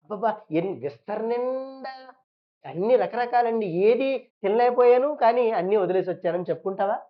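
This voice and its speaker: A woman's voice: fairly high pitch, lively intonation, normal speed, dull audio. Woman preaching with pointed rhetorical questions. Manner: fires rhetorical questions at listeners; acts out churchgoers in quoted asides. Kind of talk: sermon.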